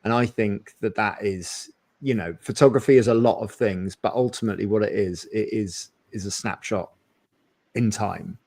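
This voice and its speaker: A man's voice: lowish voice, normal speed, darkish tone, no room sound. A man in his thirties or forties hosting a live webinar interview, talking enthusiastically and at length with many restarts. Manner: enthusiastic, talkative, rambling with restarts. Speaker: webinar host. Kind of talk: casual conversational interview. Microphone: video call.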